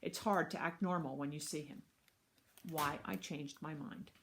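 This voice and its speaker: A woman teacher reading a children's chapter book aloud, narrating with expressive storytelling. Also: sits low, normal speed, gravelly, slight background noise.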